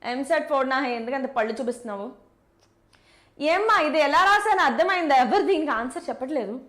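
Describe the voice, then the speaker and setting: A woman teaches a live physics class in a high, bright-pitched voice. She talks briskly, repeats each step of the equation and slips English terms into her speech while answering students in the chat. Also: expressive. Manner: brisk, repeats key steps, mixes English terms into Telugu. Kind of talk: live online lesson with chat replies.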